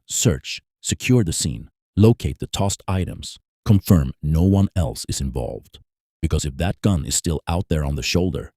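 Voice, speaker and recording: A man giving scripted commentary on police procedure, in a measured and emphatic way. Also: extremely low pitch, a little mellow, no echo, clean studio sound. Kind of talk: scripted analytical narration.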